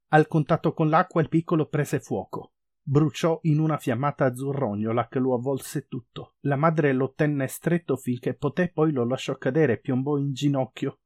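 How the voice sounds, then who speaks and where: Man, dramatic novel reading, slightly high voice, dry close sound. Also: darkish tone, dry recording. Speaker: reader. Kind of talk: reading a novel aloud with comment.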